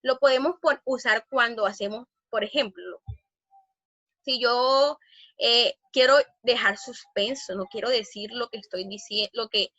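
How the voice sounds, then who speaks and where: A woman teaches a grammar lesson with a bright, slightly high voice. She stresses her points firmly and stops often on fillers and restarts. The recording is close and dry, with a somewhat muffled, lo-fi tone. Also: unhurried, no room sound.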